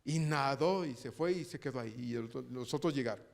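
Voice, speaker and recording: Gravelly-voiced male pastor preaching. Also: mid-range voice, brisk. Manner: rhetorical questions with frequent tag questions; addresses listeners directly as brother. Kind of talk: sermon. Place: church.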